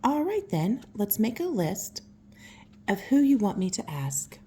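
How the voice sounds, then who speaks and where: A woman's voice: mid-range voice, very animated, measured pace, mellow, slight background noise. A woman playing a cheerful, hospitable old Santa, eager and reassuring, in a children's storybook reading.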